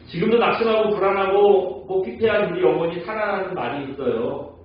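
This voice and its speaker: Korean pastor preaching in an echoey hall. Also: male voice, sits high, brisk. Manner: storytelling, asks the congregation questions. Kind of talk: Sunday sermon. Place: church sanctuary. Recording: echoey church hall, mic at a distance, dull sound.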